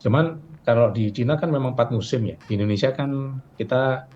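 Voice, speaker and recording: A middle-aged man speaks as a health official, walking through his explanation with fillers and questions he answers himself. His voice is mellow and dark. The sound is dull and lo-fi, with a faint hiss behind it. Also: mid-range voice, brisk. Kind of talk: explaining in a broadcast interview.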